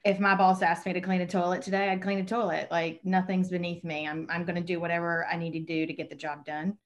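A woman's voice: on the low side, little pitch movement, fast talker. Frank woman on a video call panel.

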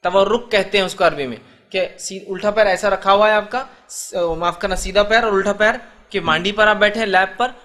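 Bright high-voiced man preaching. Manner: explanatory, asks the audience rhetorical questions. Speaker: Islamic preacher. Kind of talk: religious lecture.

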